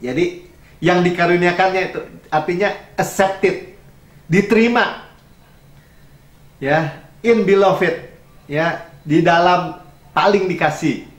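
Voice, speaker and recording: A man's voice: high voice, slow, long pauses, roomy sound. A man preaching a sermon as pastor, conversational and chuckling, slipping English phrases into his talk. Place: church.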